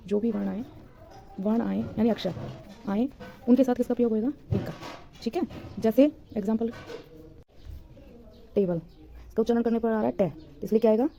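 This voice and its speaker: A woman's voice: fairly high pitch, moderate pace, gravelly, long pauses, dark tone, soft background music. A woman teacher giving a grammar lesson, patiently repeating points and answering her own questions.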